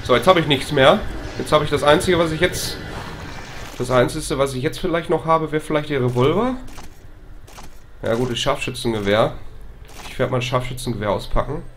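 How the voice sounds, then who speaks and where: Let's play host, male, jumpy and loud, swears and stammers, noisy background. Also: fairly high pitch, brisk, pauses often. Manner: excitable, shouting, swearing, stammers when tense.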